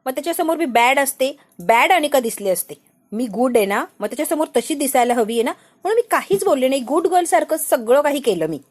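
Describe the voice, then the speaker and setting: A woman's voice: sits high, big pitch swings, fairly quick. A woman voicing a spoiled young woman who plays sweet and innocent while scheming, in a coy, babyish way of talking.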